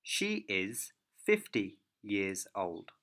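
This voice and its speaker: A man teaching a beginner English lesson, speaking each word clearly and deliberately. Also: on the low side, big pitch swings, bright, forceful tone. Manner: clear, careful word-by-word delivery.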